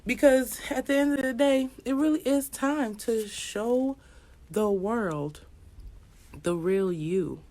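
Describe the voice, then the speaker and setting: A woman's voice: on the high side, slow pace, a little mellow. A woman giving a casual astrology reading as an oracle card reader, rambling and repetitive, speaking straight to viewers and swearing now and then.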